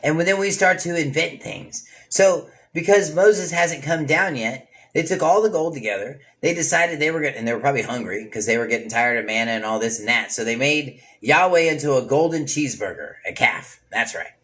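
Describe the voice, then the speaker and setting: A man's voice: on the high side, fairly quick, few pauses. A man leading an informal Bible study sermon, talking straight to his listeners with asides and acting out what people say. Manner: casual, preachy, talks straight to listeners with asides; animated, acts out people's words in varied voices.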